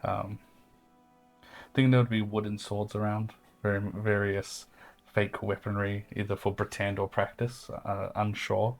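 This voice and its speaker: A man with a low, gravelly voice talks through his character's old childhood room, wandering and hesitant, full of ums and likes. Soft music plays faintly behind him. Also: level tone, measured pace. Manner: rambling, hesitant with many fillers. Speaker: player. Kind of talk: in-character tabletop role-play.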